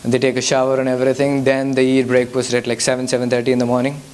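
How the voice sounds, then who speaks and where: Racing through his answers, a young man from India fields audience questions as a guest speaker at a church youth service, in English accented by his native Telugu. His medium-pitched voice is monotone and a little mellow, and he keeps stumbling with fillers and restarts.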